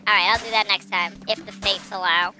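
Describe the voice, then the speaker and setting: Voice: medium pitch, steady tone, fairly quick, pushed and bright, soft background music, low-quality recording. A game streamer talking through a voice changer that disguises the real voice, chatting casually and asking chat for input while playing. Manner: chatty, thinks aloud and asks chat for input. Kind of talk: casual live gameplay commentary.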